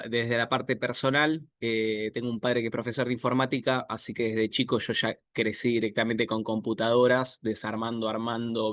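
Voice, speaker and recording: A man in his thirties from Argentina with an Argentine accent, giving a relaxed online presentation over a video call with many filler pauses. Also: mid-range voice, dry recording, studio quality. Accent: Argentine Spanish. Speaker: guest speaker, software architect.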